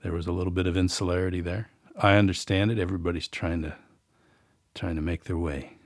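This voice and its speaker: Low-voiced middle-aged guy reading his own book then rambling on, folksy and self-deprecating, dry close mic. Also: little pitch movement, quick pace, no echo. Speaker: author and podcast host.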